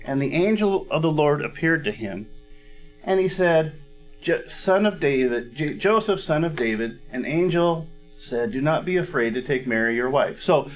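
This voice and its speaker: A man's voice: fairly high pitch, animated, normal speed, soft background music. A middle-aged man preaching a sermon on a church stage, teaching in a conversational way and checking in with his listeners. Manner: conversational teaching, frequent "all right?" check-ins; clears throat now and then. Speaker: pastor. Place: church stage with a cozy fireplace set.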